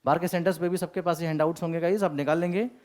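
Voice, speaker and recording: A man's voice: a little high, fairly even intonation, rapid-fire, a little mellow. A male English teacher giving a classroom lecture, mixing Hindi and English and asking the class rhetorical questions.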